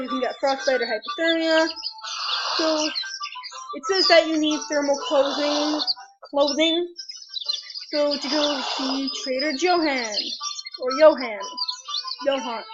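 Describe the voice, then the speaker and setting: A woman's voice: sits high, steady tone, normal speed. A woman talking casually through a video game walkthrough, chatty and unsure, with lots of ums and self-corrections. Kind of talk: casual gameplay commentary. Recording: dull lo-fi voice over loud game music.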